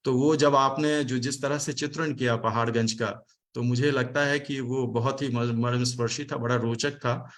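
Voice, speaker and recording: Over a video call, a Delhi man delivers a vote of thanks and formal academic talk in a steady, medium-pitched voice at a moderate pace. He pauses on hesitant fillers while explaining what certain words mean.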